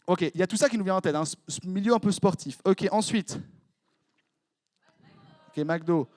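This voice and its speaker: A young man with a Swiss French accent, preaching as a youth pastor in a lively, joking way, quizzing his congregation. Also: high-pitched, no room sound, clean studio sound. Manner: playful, jokey, quick asides to the crowd. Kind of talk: lively sermon with audience interaction. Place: church hall before a congregation.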